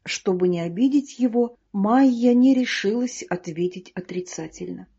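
A woman's voice: mid-range voice, normal speed, dark tone, husky. A woman reading a children's story aloud as the narrator. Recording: dull lo-fi recording.

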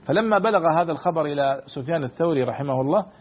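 A man's voice: a little high, animated, racing, husky. A man teaching a scripture commentary lesson, repeating and unpacking each phrase with many fillers. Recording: tinny phone-like lo-fi recording.

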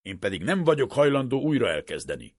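A principled male professor speaking in a calm, serious and firm manner, as a male narrator puts him on. The voice stays low and husky, with lively rises on his key statements. The recording is dry and close. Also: dry recording.

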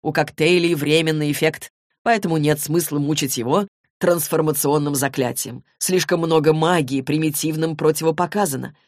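A woman voicing a haughty male warlock who speaks slowly and condescendingly. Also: sits low, fairly even intonation, a little mellow, dry recording, studio quality, natural voice. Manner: slow, drawling and condescending.

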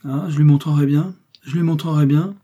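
A man's voice: medium pitch, animated, normal speed, warm tone, slightly rough. A man voicing a mocking, scheming merchant. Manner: mocking, ironic, bullying. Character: scheming cold male shop merchant moneylender.

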